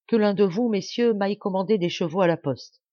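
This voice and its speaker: A woman's voice: medium pitch, very slow, mellow, no echo, lo-fi sound, voice pushed up. A woman reader voicing a desperate, resolute middle-aged noblewoman who gives impassioned orders. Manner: impassioned, commanding exclamations.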